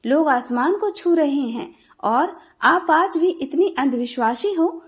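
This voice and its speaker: A woman's voice: high-pitched, lively intonation, slow. A woman voicing a proud, skeptical young daughter-in-law who talks dismissively. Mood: scornful. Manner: dismissive, scornful.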